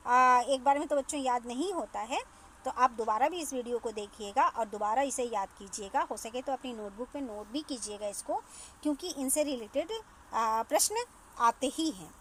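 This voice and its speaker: A woman with a high voice gives a recorded classroom lesson. She explains step by step and repeats words so young pupils can follow. A faint hum of ambience sits behind her. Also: normal speed, a bit bright. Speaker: school teacher.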